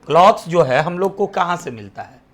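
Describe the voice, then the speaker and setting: A man's voice: high-pitched, animated, fairly quick, a bit bright. A man with a Bihari Hindi accent teaching an exam-prep lesson. He quizzes his students, repeats the answers back to them as questions, and drops almost to a whisper on the answers.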